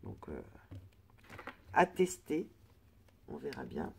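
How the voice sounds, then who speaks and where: A woman's voice: rumbling low, huge pitch swings, takes it slowly, vocal fry, slightly rough. A woman vlogger chatting casually through a crafting haul, hesitant and full of fillers and restarts. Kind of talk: casual product haul chat.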